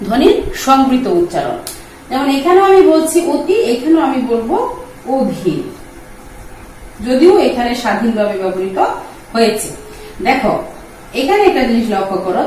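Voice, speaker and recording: A woman, teaching pronunciation, patiently repeating words slowly for her students. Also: sits high, a little mellow, recorded from a distance, slight background noise. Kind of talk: explaining Bengali pronunciation lesson. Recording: echoey room, voice from off-mic.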